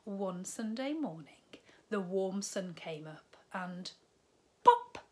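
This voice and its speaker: Indoors in her living room, a woman who teaches primary school reads a picture book to children in a mid-range voice. There's a little hiss or hum behind her slow, expressive storytime delivery, which lifts brightly on the important words.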